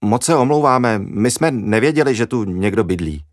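A man's voice: lowish voice, lively intonation, no echo, studio quality, close to an everyday voice. A man voicing a brave young boy who leads his friends. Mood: apologetic. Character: brave boy leader of a kids' gang.

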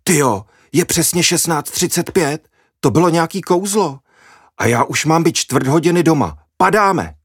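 A man voicing an excited young girl detective who blurts out exclamations. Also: fairly high pitch, breathy edge, no echo, clean studio sound, voice pushed up. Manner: breathless, exclaiming.

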